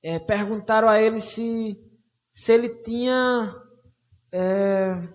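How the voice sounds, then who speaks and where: A woman's voice: a little high, fairly even intonation, takes it slowly, darkish tone. A woman moderating a conversation circle, talking casually with frequent hesitations and restarts. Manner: hesitant, many restarts and fillers. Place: auditorium of a cultural center.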